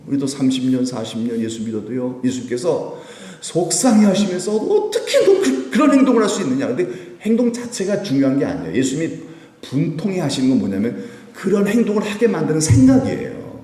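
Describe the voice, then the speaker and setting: Animated pastor preaching in echoey church. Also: male voice, medium pitch. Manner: animated, acts out the disciples' scolding in raised voice. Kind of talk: sermon. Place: church sanctuary.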